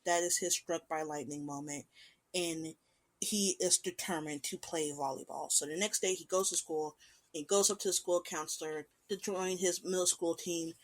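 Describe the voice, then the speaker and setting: Animated chatty woman, lowish voice. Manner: animated, chatty, expressive swings in pitch and loudness. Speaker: podcast host. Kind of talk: casual chat about an anime.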